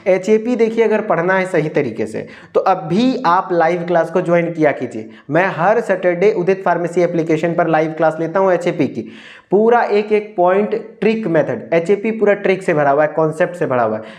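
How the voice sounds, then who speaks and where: A man's voice: high-pitched, moderate pace. A young man with a Hindi accent giving an exam-prep lecture as a pharmacy tutor, asking questions and answering them himself and repeating key terms.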